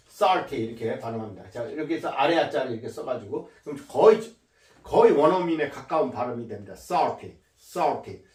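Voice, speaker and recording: A man teaching a lecture, often repeating words slowly to drill their pronunciation. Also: a little high, darkish tone, roomy sound, recorded from a distance. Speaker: English teacher.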